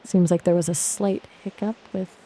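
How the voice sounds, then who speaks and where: Ai companion lady voice, chatty and upbeat, a bit low. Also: level tone, moderate pace, dark tone, a little hiss or hum. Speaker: AI gaming companion. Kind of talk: casual chat.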